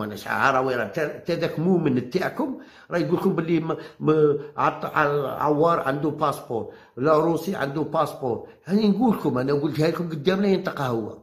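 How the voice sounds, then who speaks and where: Fast-talking Algerian man ranting in an echoey room. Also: a little high. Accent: Algerian Arabic. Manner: combative, repeats phrases, challenges listeners. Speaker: football commentator vlogger. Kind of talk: heated monologue to viewers.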